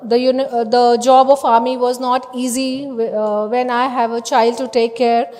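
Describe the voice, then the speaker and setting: High-voiced emotional woman giving a speech. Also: level tone, darkish tone, faint music behind. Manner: halting, with many fillers and restarts. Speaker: award recipient giving a speech. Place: large event hall. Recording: long reverb in a hall.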